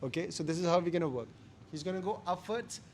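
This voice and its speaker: Male martial arts instructor, Indian accent, slightly high voice, emphatic short phrasing, live class with some background noise. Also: animated, quick pace. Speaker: jiu-jitsu instructor.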